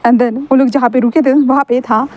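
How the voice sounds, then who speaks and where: A woman's voice: high-pitched, steady tone, normal speed, a little mellow. A woman narrating a fan fiction story in a chatty, repetitive way, mixing in English words.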